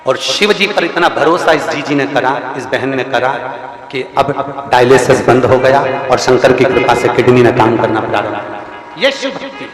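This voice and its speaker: A man preaching a devotional sermon to a large gathering, folksy and humorous, urging his listeners with repeated phrases. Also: mid-range voice. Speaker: preacher telling scripture stories. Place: large religious gathering over loudspeakers. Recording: echoey public-address sound with long reverb and music.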